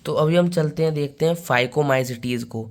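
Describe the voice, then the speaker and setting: A man lectures on biology in a fairly high voice. He works through each point with rhetorical questions and repeats the technical terms slowly so they sink in. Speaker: biology teacher. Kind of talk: classroom lecture.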